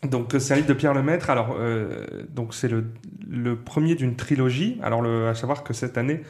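A man co-hosting a podcast in casual chat, joking and halting, with many fillers. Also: medium pitch, darkish tone, slight background noise. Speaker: podcast co-host.

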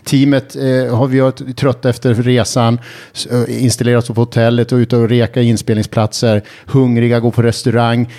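A man who travels for a TV show, chatting casually and telling an animated story, shouting and mimicking when he gets excited. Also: mid-range voice. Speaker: TV travel presenter and guest storyteller.

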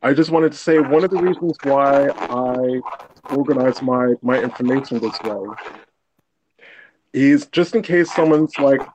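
Guy on a livestream, voice choppy and cutting out over a dull lo-fi connection, calm explainer. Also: medium pitch, measured pace, background noise. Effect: choppy, breaking-up internet call audio. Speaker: co-host on a genealogy livestream. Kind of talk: casual livestream chat. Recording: dull lo-fi streamed audio.

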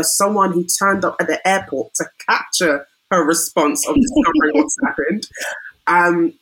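A woman's voice: low-pitched, low-quality recording. A woman recounting an example in a casual discussion, hedging often as she goes.

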